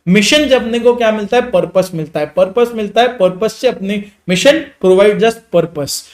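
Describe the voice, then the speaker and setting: High-voiced man giving a revision lecture. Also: roomy sound. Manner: explains in quick Hindi mixed with English terms, asks and answers own questions. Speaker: teacher.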